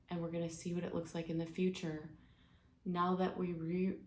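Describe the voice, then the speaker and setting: A woman with a low, gravelly voice leads a guided healing exercise with gentle, soothing instructions. Her delivery stays flat and even. The echoey room carries faint ambience behind her. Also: a little hiss or hum. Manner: gentle, soothing step-by-step guidance.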